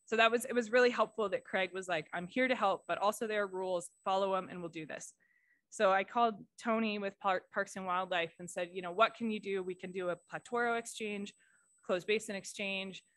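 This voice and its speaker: A woman's voice: mid-range voice, a little fast, no echo. An American woman giving a candid, storytelling report at a public board meeting, quoting colleagues as she goes. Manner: candid, storytelling, quotes people in lively retellings. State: voice cracking with tears. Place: meeting room.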